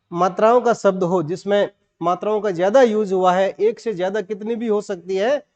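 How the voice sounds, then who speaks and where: This online grammar teacher is a man with a Rajasthani Indian accent and a high, darkish voice. Step by step he goes through the rules, spelling words out one letter at a time. The recording sounds dull and lo-fi.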